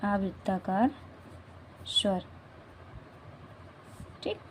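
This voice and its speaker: A woman's voice: mid-range voice, very slow, slight background noise. A woman teaching a grammar lesson, repeating herself and often checking that the class follows. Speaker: Hindi teacher.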